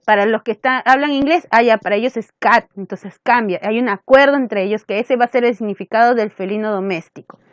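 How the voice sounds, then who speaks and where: A woman's voice: on the high side, a little fast, few pauses, no echo, muffled recording. A woman teacher with a Peruvian accent giving a recorded lesson, asking questions and answering them herself. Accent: Peruvian Spanish.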